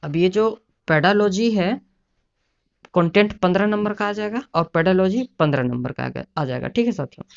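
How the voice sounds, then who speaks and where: A man's voice: sits high, lively intonation, normal speed, vocal fry. A man explaining exam preparation in a casual lecture, often repeating "है ना" and "साथियों". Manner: repetitive, keeps adding "है ना" and "साथियों". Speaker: exam prep teacher. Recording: dull lo-fi sound.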